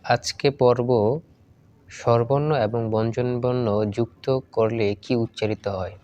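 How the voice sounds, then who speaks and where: Guy reading korean syllable drills out loud, steady list-like recital, mid voice, faint bit of background hiss. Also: medium pitch, measured pace, dull audio. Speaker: Korean language student.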